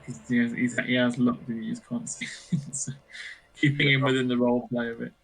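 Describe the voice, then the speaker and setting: A man's voice: mid-range voice, flat delivery, fairly quick, vocal fry, slightly rough, rough recording. Giggly rambling man playing a tabletop game. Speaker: player. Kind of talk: casual tabletop play.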